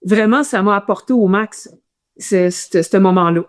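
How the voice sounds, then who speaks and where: In a relaxed interview, a woman who runs recounts a guest's stories in a Quebec French accent. Her pitch is medium and her speed normal, and she's lively, often starting sentences over.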